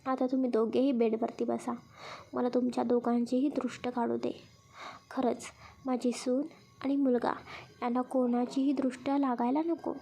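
A woman voicing a caring middle-aged mother who blesses and gently scolds her son and daughter-in-law in a spoken story. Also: a little high, level tone, moderate pace, creaky. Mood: affectionate.

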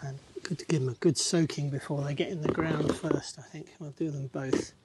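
A gardener who hosts a channel chats casually while tending his allotment plot, thinking out loud in an easygoing way with lots of fillers. His voice is on the high side, fairly even in intonation, at a normal speed. Heavy background noise runs under the recording.

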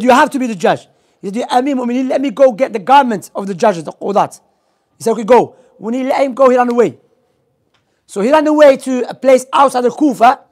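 Speaking very high yet with a darkish tone, this young religious teacher leads a casual Islamic class in a small indoor library. He mixes stories and quiz questions in non-native English dotted with Arabic words, his mouth close to a gooseneck mic.

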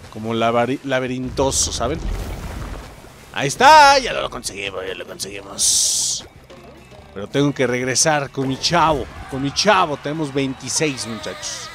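Mexican guy yelling and swearing through a let's-play, super lively voice, bit of music in the back. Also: mid-range voice. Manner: excitable, swears, exclaims at the game, talks to viewers. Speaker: gameplay commentator.

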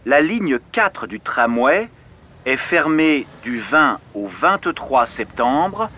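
A man presenting a radio weather bulletin in a friendly, measured way. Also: medium pitch, big pitch swings, pushed and bright, a little hiss or hum.

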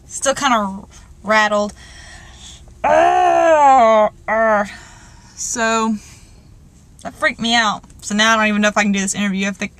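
A woman's voice: medium pitch, steady tone, normal speed, pauses often, pushed and bright, no room sound. A young woman, talking into a handheld camcorder in her parked car, rambling with many fillers and restarts, shaken and nervous. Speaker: vlogger. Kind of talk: casual vlog in a parked car.

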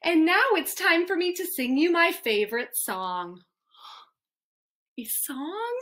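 A woman's voice: very high voice, very animated, moderate pace, a bit bright. A woman teacher reading a picture book aloud to children with playful, mock-dismayed reactions.

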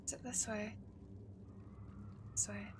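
A woman streamer reacting live to a horror game, swearing and gasping as she goes. She talks at an unhurried pace, with a faint hiss underneath. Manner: jumpy, profane, exclaims and gasps often. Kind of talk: live gaming stream commentary.

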